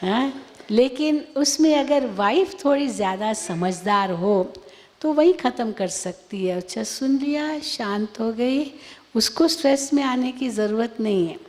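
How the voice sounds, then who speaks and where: A woman gives a spiritual talk as a teacher answering questions. She speaks at an unhurried, measured pace and explains patiently through homely examples and rhetorical questions. Her voice carries a long reverb, as in a large hall. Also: fairly high pitch, a little mellow.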